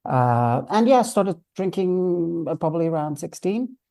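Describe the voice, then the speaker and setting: Brief: young Swiss-born man, gravelly and dark voice, halting interview answers. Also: on the high side, big pitch swings. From Switzerland. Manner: hesitant, many ums and uhs. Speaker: guest, sober coach.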